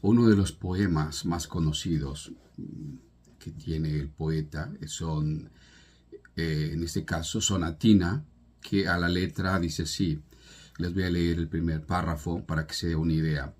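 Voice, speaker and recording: Husky low-voiced Salvadoran-born man. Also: fairly even intonation, measured pace, darkish tone. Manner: earnest, with restarts and emphatic rises. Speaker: literature presenter. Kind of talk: informal literary talk.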